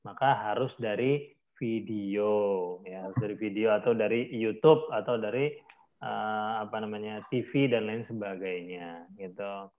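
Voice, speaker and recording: A man with an Indonesian accent teaching an English lesson in an online class, speaking English phrases slowly and deliberately and clearing his throat often. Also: lowish voice, phone-quality sound.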